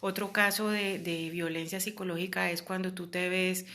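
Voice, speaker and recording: A woman's voice: fairly low pitch, level tone, normal speed, bright, forceful tone. A woman, talking earnestly and casually as a host, with many fillers and quoted voices. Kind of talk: casual talk about psychological abuse.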